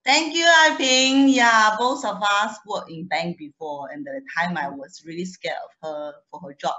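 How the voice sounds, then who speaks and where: A young woman guest speaker with a foreign, non-Singaporean accent gives a personal testimonial, chatty, laughing often, and restarting words. Her medium-pitched voice is bright and forceful at a moderate pace, and the audio quality is poor.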